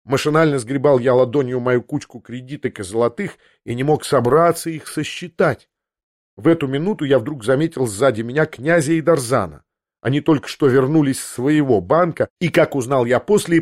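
A man narrating a classic novel as an audiobook, expressive and acting out the dialogue. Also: mid-range voice, moderate pace, no echo, studio quality.

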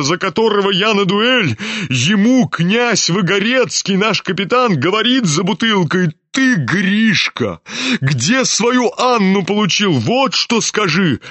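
A man voicing a tearful, rambling old general in disgrace, talking slowly and grandly. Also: high voice, a bit bright, no room sound, voice pushed up, heavily acted. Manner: slow, mournful, grandiloquent.

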